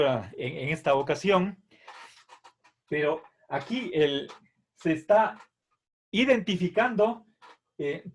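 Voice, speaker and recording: A man teaching a philosophy class, explaining terms patiently with many fillers and checks for understanding. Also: on the high side. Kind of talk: online philosophy lecture.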